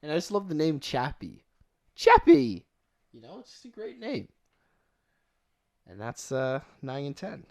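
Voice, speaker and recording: A man co-hosting a movie podcast, talking loosely and haltingly with lots of fillers. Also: mid-range voice, very animated. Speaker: podcast co-host. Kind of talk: casual movie review chat.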